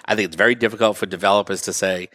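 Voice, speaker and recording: Guy with a lowish voice explaining real estate stuff, dry close sound, keeps doing little quotes of buyers. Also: fairly even intonation, very fast, pushed and bright, no room sound. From northeastern Massachusetts. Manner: explains at length, acts out what buyers say. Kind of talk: casual interview talk.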